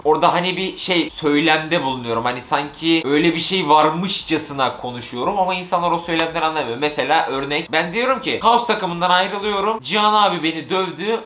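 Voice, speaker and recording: A man's voice: a little high, roomy sound. A young man with a Turkish accent, chatting casually and jokingly as a gaming YouTuber answering fan questions. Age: young adult. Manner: fast, joking, slangy, animated. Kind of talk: casual Q&A chat.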